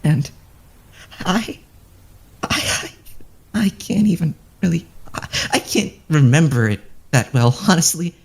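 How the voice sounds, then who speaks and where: A grieving student from a fan-made game, voiced by an actor, speaking very slowly in a husky voice. The words come out halting and broken, full of stammers and sighs. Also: mid-range voice, expressive. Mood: uneasy. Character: grieving student talking to departed friends.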